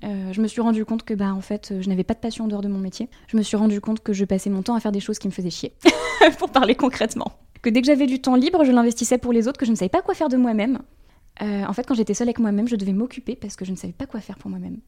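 A woman guest in a podcast conversation, speaking candidly in a halting way, with many fillers and frequent laughs. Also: a little high, warm tone. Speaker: interview guest, brand designer.

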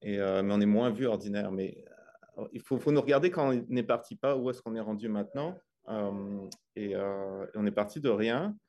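A middle-aged man from France with a French accent, a guest explaining things in a relaxed way with many fillers. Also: lowish voice, moderate pace. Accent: French, softened by years in Quebec. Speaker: guest, engineer. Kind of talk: casual interview chat.

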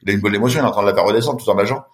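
His voice is fairly low and racing as this middle-aged man, a long-distance swimmer, tells a story on a podcast. He delivers it with lively energy, acting out everyone's voices.

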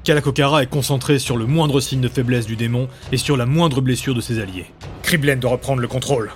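A man narrates a fantasy adventure in a measured, dramatic storyteller's manner. His voice sits at a middle pitch, and clear music plays behind his narration. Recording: background music.

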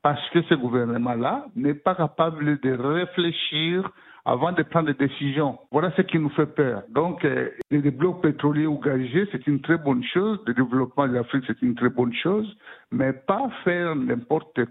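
A man leaving an answering machine message for a radio show, talking haltingly and repeating words as he searches for them. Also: a little high, husky. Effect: voicemail message played on air. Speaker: radio listener caller. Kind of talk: spoken opinion message. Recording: tinny phone-line voicemail.

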